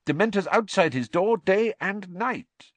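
A man voicing a pompous, grave, fussy middle-aged government minister in a storybook, telling things in a measured way. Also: sits high, animated, dry recording, pitched above the performer's own voice. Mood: unnerved, astonished.

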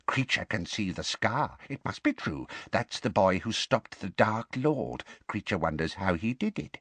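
A man's voice: lowish voice, sing-song, measured pace, fairly bright tone, slightly rough, no room sound, full character voice. A man voicing a bitter old male house-elf servant who mutters spitefully and fawns over his master. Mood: fawning. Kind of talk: audiobook character voice.

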